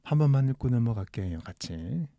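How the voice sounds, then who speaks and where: A man with a mid-range, creaky voice teaches English as a channel host, moving briskly yet explaining calmly and patiently while drawing out example sentences in a relaxed podcast style. The audio is dull, with no echo.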